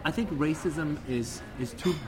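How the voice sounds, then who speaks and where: A man's voice: a little high, unhurried. Man, podcast host, casual chat, hesitant, crowd noise behind. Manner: hesitant, restarts often.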